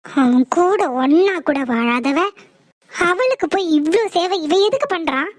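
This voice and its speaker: A woman's voice: extremely high pitch, lively intonation, measured pace, no room sound. A woman voicing a stern, scheming older mother-in-law in a cartoon, speaking in a bitter, scolding way. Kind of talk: cartoon voice acting.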